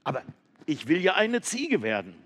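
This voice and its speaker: Trotzige junge Ziege, laut und beharrlich, höher gesprochen, von einem Mann gelesen. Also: male voice, fairly high pitch, wildly swooping pitch, moderate pace, breathy edge, pitched above the performer's own voice, full character voice. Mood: insistent. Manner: loud, insistent, shouting. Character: stubborn young female goat, wants to be a lion.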